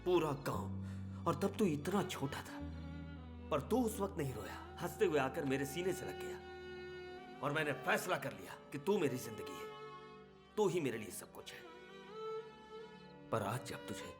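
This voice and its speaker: A man's voice: a little high, huge pitch swings, a little slow, pauses often, over music. An actor dubbing a stern middle-aged village father figure in a film, heartfelt and then angry. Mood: grieving. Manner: emotional, then shouting angrily. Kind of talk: Hindi film dub.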